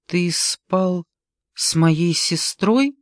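A reader voicing an angry, sharp-tongued grown woman who shouts accusations at her family. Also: mid-range voice, animated, drawn-out words, no room sound, studio quality. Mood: furious. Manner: raised, biting, accusing.

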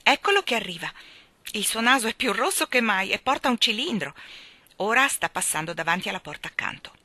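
A woman's voice: medium pitch, big pitch swings, fairly quick, bright, forceful tone, no room sound, pitched above the performer's own voice. Michael, a woman voicing a curious young boy. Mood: eager.

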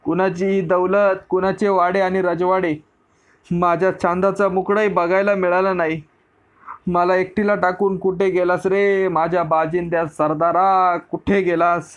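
A young widow pours out a high, keening lament for her husband in a storybook reading. Her cries rise well above the plain telling, as a man acts her out. The sound is drawn out and mournful. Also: little pitch movement, a little slow, lo-fi sound. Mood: wailing grief.

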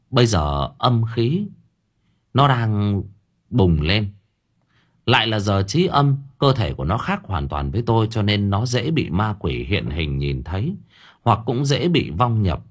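A male storyteller reads a first-person audiobook. His voice is low and husky, and his pitch moves freely as he tells it in a lively, colloquial way. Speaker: narrator.

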